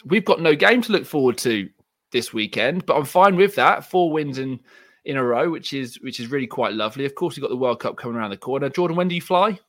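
A man's voice: medium pitch, lively intonation, quick pace, no echo, clean studio sound. A man from Leicester hosting a football podcast in casual, conversational chat. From Leicester, England. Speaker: podcast host.

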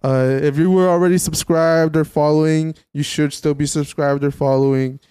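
A man's voice: on the high side, fairly even intonation, moderate pace, dark tone, smooth, no echo. A man hosting a podcast in casual chat, with slangy frat-bro banter. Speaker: podcast host.

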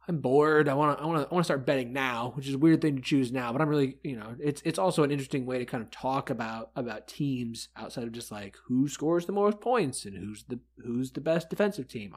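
A man hosting a sports podcast in a casual, conversational way. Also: medium pitch. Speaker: podcast host.

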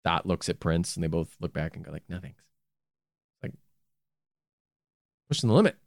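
A man's voice: sits low, sing-song, a little fast, creaky, darkish tone, no echo, clean studio sound. An American man co-hosting a comedy podcast in casual, goofy, sweary banter.

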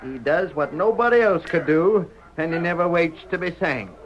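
A man's voice: on the high side, expressive, normal speed, slight background noise, close to an everyday voice. An actor playing a sly, folksy old prospector in an old-time American western radio drama, with chuckles in his drawl. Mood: gleeful, proud. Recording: muffled old radio recording.

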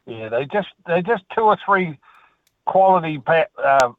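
An older man with a New Zealand accent rings a radio show. His voice is a little high and squeezed by a dry, narrow phone line. He chats casually about sport. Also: animated, unhurried, dry recording. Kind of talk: casual rugby chat.

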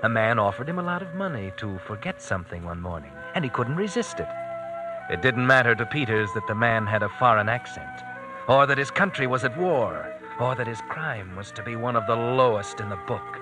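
A man's voice: mid-range voice, expressive, brisk, natural voice, rough recording. A man playing a sinister, all-knowing narrator of crime tales in an ominous, theatrical 1940s radio style. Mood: grave, suspenseful. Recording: old radio recording with loud music. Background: loud dramatic music.

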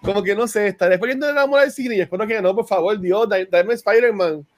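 A man's voice: high voice, fast talker. A man from Puerto Rico with a Puerto Rican accent, co-hosting a casual podcast chat and mixing English words into his Spanish. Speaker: podcast co-host.

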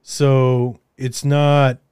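A man's voice: medium pitch, little pitch movement, very slow, a little mellow, smooth, no echo. Hesitant man hosting, dry close sound. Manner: hesitant, hedging with "I mean". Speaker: podcast host interviewer. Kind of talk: casual interview chat.

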